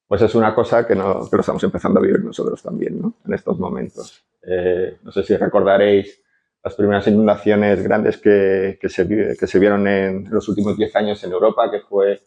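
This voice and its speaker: Dull lo-fi audio captures a Barcelona architect giving a conference lecture in a fairly low, darkish voice. He speaks hesitantly to the audience, leaning on fillers and tag questions.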